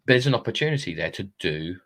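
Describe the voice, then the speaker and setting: A man's voice: on the low side, sing-song, quick pace, fairly bright tone. A man talks straight to the camera like a motivational coach. He is blunt and emphatic and swears freely as he makes his points. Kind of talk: casual motivational talk.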